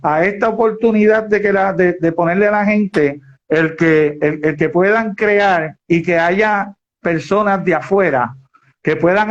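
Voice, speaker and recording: A man hosting an interview, talking reflectively with halting restarts. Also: high voice, highs cut off. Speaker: interview host. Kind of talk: casual interview chat.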